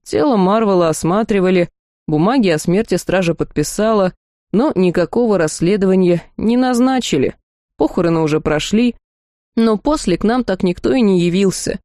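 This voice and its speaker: A woman's voice: medium pitch, expressive, moderate pace, warm tone, no echo, studio quality, natural voice. A woman voicing a worried middle-aged housekeeper in an audiobook. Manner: worried, pleading.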